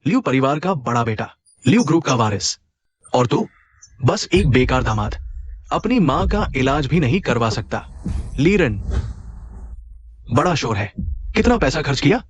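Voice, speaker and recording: A man's voice: sing-song, measured pace, pauses often, breathy edge, no echo. A man voicing an arrogant rich young man who taunts and bullies, talking in a sneering way. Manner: sneering, taunting, swinging pitch. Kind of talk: Hindi-dubbed short drama. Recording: dubbed dialogue over music.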